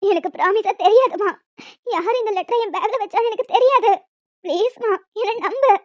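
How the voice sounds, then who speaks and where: High-voiced performer as a tearful schoolgirl, tiny high voice, slowish pleas, lo-fi. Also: dry recording. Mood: pleading. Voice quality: soft, tearful. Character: scared schoolgirl, seventh grade. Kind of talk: cartoon voice acting. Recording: dull lo-fi dry recording.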